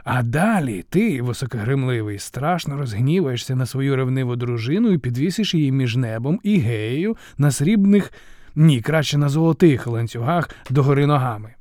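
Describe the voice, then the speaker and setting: A man's voice: mid-range voice, lively intonation, moderate pace, a little mellow, no room sound, clean studio sound, lightly acted. A man voicing a mocking male jester god laying out a scheme in flowery, sneering speech. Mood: mocking, scheming.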